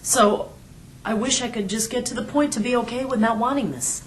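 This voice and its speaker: A woman's voice: a little high, brisk, crowd noise, lightly acted, poor audio. A woman playing a troubled, self-blaming wife in a couples therapy role play, tentative and plaintive.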